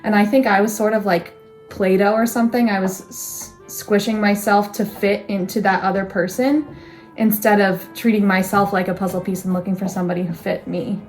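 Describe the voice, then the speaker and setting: A woman's voice: mid-range voice, steady tone, fairly quick, a little mellow, faint music behind. A young woman in casual chat, thinking aloud in a reflective, rambling way with restarts. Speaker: co-host.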